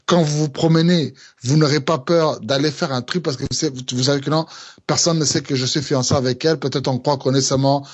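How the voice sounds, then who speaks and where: A man's voice: a little high, steady tone, a little fast, husky. A Congolese man with a Congolese French accent, a pastor giving earnest teaching on engagement, hesitating often with fillers and restarts.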